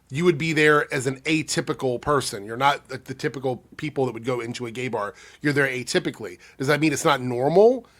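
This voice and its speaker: A man with a breathy voice, under the weather with a cold, talks casually to his online viewers. His pitch sits in a middle range. He answers comments in a loose, unscripted way, pausing and restarting as he thinks things through. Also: a bit bright. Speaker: YouTube commentator.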